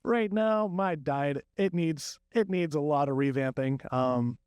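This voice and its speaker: A man co-hosting a casual group podcast, hesitant and filling pauses with "um" and "like". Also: fairly high pitch, a little mellow, clear, resonant tone, no room sound. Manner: hesitant, lots of "like" and "um". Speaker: podcast co-host.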